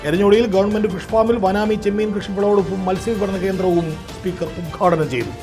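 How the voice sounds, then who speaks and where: A man reading the news in a formal, steady way. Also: high-pitched, fast, over music. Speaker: news presenter.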